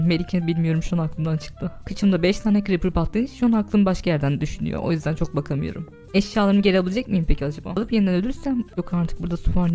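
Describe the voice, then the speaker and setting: A woman's voice: on the low side, dark tone. A young woman chatting casually while streaming a game live as server admin, talking to her chat with bursts of laughter and shrieks.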